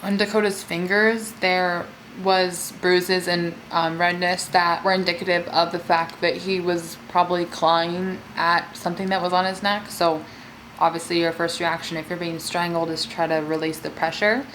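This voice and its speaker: A woman's voice: fairly low pitch, level tone, normal speed, a bit bright, slight background noise, poor audio. A woman talking casually as a mukbang host, telling a true-crime story in a chatty way peppered with filler words. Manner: conversational, filler-heavy with frequent "like".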